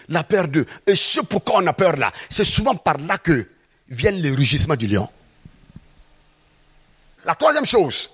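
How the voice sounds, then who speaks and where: A man's voice: a little high, fairly bright tone, slightly rough. A man preaching a sermon, emphatic and often putting questions to the congregation.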